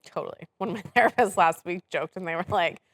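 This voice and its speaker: Direct woman host with a lowish voice, chatty filler-heavy delivery. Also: fast, slight background noise. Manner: direct, animated, swears freely, laughs often; frequent "like" and "right?" fillers. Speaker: podcast host. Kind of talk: casual podcast conversation.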